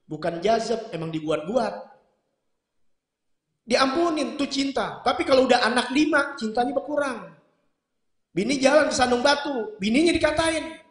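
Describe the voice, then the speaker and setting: A middle-aged man preaching a sermon, mixing in jokes and acting out couples' dialogue. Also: sits high. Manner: humorous, acts out quoted couples. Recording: echoey hall sound.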